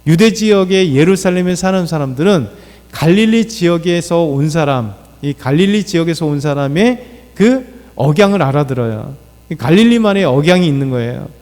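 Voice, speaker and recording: Male pastor, slightly high voice, loose preaching with fillers, reverberant sanctuary. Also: animated, moderate pace, a little mellow. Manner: unscripted preaching with fillers, acts out quoted lines. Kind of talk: dawn prayer sermon. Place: church sanctuary. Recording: church hall reverb.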